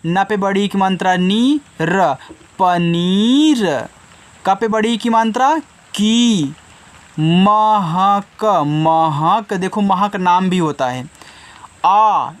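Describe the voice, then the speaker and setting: A man teaching children to read, slowly sounding out each syllable and then saying the whole word. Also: high voice. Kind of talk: slow Hindi reading lesson for children.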